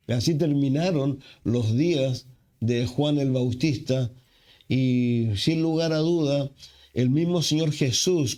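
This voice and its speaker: A man from Chile preaching a sermon as pastor, unhurried, with fillers and self-corrections. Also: medium pitch, mellow. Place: church.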